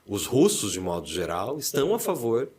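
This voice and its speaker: A man from Brazil with a Curitiba accent, a podcast guest chatting casually and telling lively stories, acting out what people say. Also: fairly low pitch, normal speed, husky. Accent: Curitiba Brazilian Portuguese. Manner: animated storyteller, acts out quoted speech. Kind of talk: casual interview chat.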